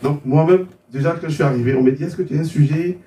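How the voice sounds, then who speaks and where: Speaking quickly in a mellow voice on the high side, this Ivorian man tells his testimony as an interview guest. He repeats words as he stumbles along and re-enacts the conversations he describes. A distant mic gives a roomy sound with a faint hum behind it.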